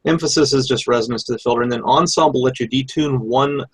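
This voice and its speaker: A man's voice: medium pitch, fast, a bit bright, husky, dry recording. A man giving an informal technical show-and-tell as an electronics presenter. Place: live online hangout with screen share.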